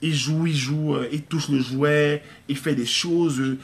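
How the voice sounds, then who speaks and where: A man's voice: fairly high pitch, fairly even intonation, measured pace. A man preaching a conversational sermon at home, emphatic and repetitive, often acting out prayers and little dialogues. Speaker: pastor. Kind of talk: conversational live-streamed sermon.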